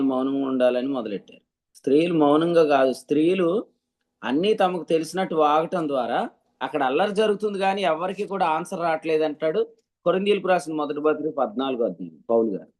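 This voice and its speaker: A man's voice: on the high side, darkish tone. A man with a somewhat raised voice gives a teaching sermon into a computer mic. He explains a point step by step with everyday examples and stops to ask his listeners questions. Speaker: preacher. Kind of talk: teaching sermon to an online group.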